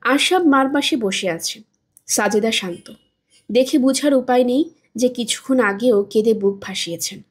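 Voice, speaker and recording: A woman narrating a novel as a storyteller, steady and expressive. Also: fairly high pitch, moderate pace, breathy edge. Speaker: storyteller, audiobook reader. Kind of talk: novel reading.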